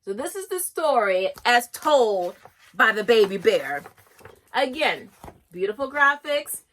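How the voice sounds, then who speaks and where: With a fairly high, fairly bright voice full of big pitch swings, a woman slowly and chattily reviews children's books for homeschoolers and reads brief excerpts aloud. She's enthusiastic, with frequent restarts and laughs, and there's a little hiss or hum in the recording.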